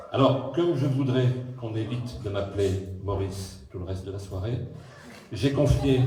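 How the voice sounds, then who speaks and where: A middle-aged man, father of the groom, gives a prepared speech, reading formal text and breaking off for dry, self-mocking jokes. His voice is medium-pitched with a darkish tone, captured far from the mic in an echoey hall with faint noise.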